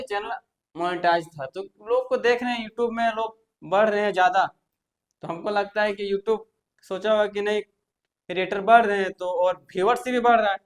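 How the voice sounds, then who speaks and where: A tech YouTuber with a high, slightly bright voice explains things to his viewers. He's chatty and reassuring, often repeating points and restarting sentences.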